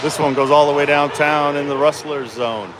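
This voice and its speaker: A man's voice: fairly high pitch, fairly even intonation, normal speed. A man doing casual, colloquial live play-by-play hockey commentary, his voice echoing in a noisy indoor rink. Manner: informal, colloquial, chatty with exclamations. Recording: echoey noisy rink, ambient clatter. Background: clear rink noise and ambience.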